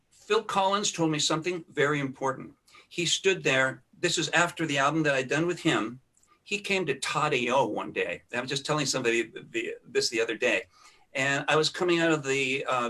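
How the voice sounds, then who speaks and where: A man's voice: medium pitch, sharp tone. A man guesting on a podcast, casually telling rambling stories about recording sessions and thinking aloud as he goes. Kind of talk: casual storytelling conversation.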